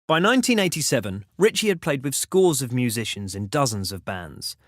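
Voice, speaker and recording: A man narrating a music documentary in a measured, dramatic delivery. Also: medium pitch, big pitch swings, dry recording, studio quality. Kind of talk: scripted narration.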